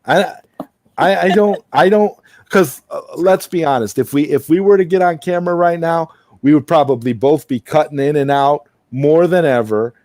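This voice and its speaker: A man hosting a relaxed late-night stream in a fairly high voice. He rambles and restarts his sentences often. His headset sound is dry and close. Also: normal speed, no echo. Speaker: host. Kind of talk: casual live-stream chat.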